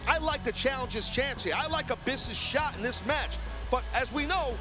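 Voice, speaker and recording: Male wrestling analyst, high pitch, casual street-level phrasing, loud music behind. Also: moderate pace. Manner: colloquial, punctuates remarks with "man" and "you know". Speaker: wrestling color commentator. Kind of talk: casual live sports commentary.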